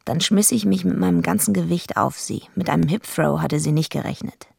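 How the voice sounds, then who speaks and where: An actress playing a tough, surly wrestling villainess who tells her own story in a radio play, blunt and deadpan, with a raspy, gravelly voice. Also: on the low side, a little fast, dry recording, studio quality, full character voice. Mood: grim, scornful. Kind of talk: first-person radio play narration.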